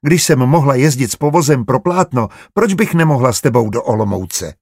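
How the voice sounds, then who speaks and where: A man voicing a sharp-tongued, stubborn young merchant wife in an audiobook, blunt and quick to argue. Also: medium pitch, lively intonation, gravelly, slightly rough, no room sound, clean studio sound. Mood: defiant. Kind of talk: audiobook character voice.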